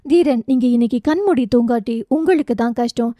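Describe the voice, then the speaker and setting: A woman voicing a brisk, commanding female surgeon who scolds and gives orders. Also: on the high side, mellow, no echo, clean studio sound, lightly acted. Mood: stern.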